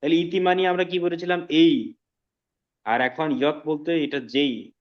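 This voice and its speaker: A man teaching an online language class, explaining slowly and often checking that students follow. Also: fairly high pitch, fairly even intonation, dull audio. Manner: slow, patient explaining with frequent check-ins to students. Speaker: Sanskrit teacher.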